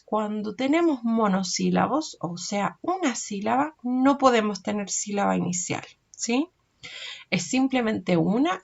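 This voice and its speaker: A woman, teaching a recorded lesson to young children, slow and patient, stretching out words and checking in often. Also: mid-range voice, vocal fry, breathy edge. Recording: dull lo-fi recording.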